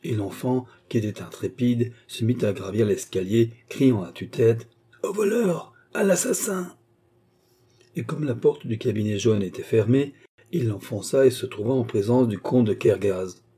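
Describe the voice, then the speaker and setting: A man reading a classic novel aloud as audiobook narrator, steady and measured. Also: on the low side, slightly rough.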